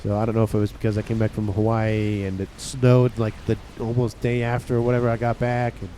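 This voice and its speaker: A game caster with a cold gives casual commentary on a strategy game, his nasal, stuffed-up voice sitting on the low side. He talks quickly, chatting to viewers in a relaxed, rambling manner over slight background noise.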